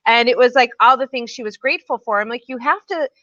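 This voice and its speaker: A woman's voice: on the high side, fairly even intonation, fast, fairly bright tone, highs cut off. A woman business coach chatting animatedly on a live video panel, full of "like" and "you know". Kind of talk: casual panel chat.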